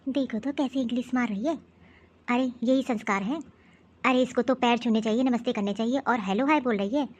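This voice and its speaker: A woman voicing a strict, traditional middle-aged mother-in-law in an animated cartoon, who mutters sharp judgments. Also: high voice, brisk, hardly any pauses, highs cut off. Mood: disapproving.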